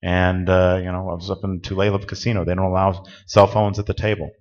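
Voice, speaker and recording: In a big hall, a deep-voiced man presents to a conference, laying out rules plainly and directly as an instructor would. He talks briskly with little pitch movement and a slightly mellow tone, while the lo-fi recording sounds dull and trails a long echo.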